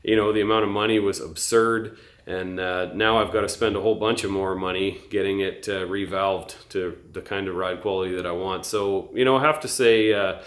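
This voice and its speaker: A man's voice: deep voice, steady tone, normal speed, roomy sound. A man giving a casual, candid truck-build update vlog, hesitant and full of fillers.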